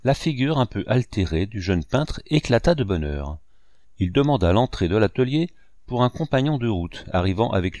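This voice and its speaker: Brief: male narrator for a classic novel, low and steady, close dry recording. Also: no echo. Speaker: audiobook reader. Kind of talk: scripted literary narration.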